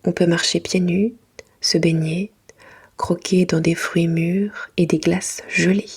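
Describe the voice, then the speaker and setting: A woman reading a children's storybook in a hushed, breathy library whisper, in a soft ASMR style. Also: lowish voice, steady tone, slow pace. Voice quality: breathy, unvoiced.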